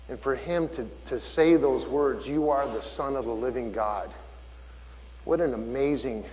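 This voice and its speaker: Here a middle-aged deacon gives a laid-back, story-driven homily, often breaking off to begin a phrase again. He speaks at a typical pitch for a man, and the spacious church leaves a long echo after every sentence.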